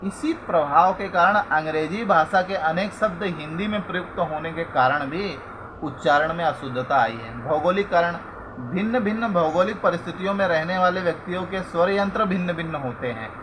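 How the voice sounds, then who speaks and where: A man teaching a lesson, reading his notes in a measured, listing way and now and then correcting himself. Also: sits high, noisy background. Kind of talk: reading lecture notes for teacher-training students.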